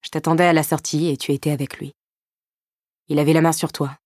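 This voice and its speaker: A woman's voice: low-pitched, little pitch movement, fairly quick, darkish tone, no room sound, clean studio sound. Female reader doing a jealous boyfriend, cutting and cold, storybook voice. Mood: resentful. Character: jealous, bitter young boyfriend, male.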